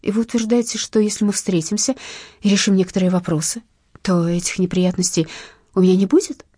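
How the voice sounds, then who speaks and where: A woman's voice: medium pitch, steady tone, a little fast, dark tone, slightly rough, dry recording, clean studio sound, pitched above the performer's own voice, close to an everyday voice. A blunt, defiant young heroine, as a woman reads her. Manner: blunt, rude, irritable. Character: young red-haired heroine, sharp-tongued and defiant. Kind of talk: audiobook narration.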